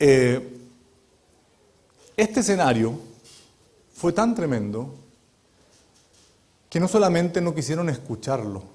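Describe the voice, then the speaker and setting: Male preacher with a high voice, dramatic and emphatic, engages the congregation directly. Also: very animated, takes it slowly, pauses often, a little mellow. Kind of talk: sermon.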